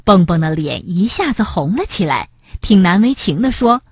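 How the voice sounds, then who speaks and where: A woman narrating a children's picture-book story in an expressive storytelling manner. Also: fairly low pitch, normal speed, breathy edge, dry recording, clean studio sound.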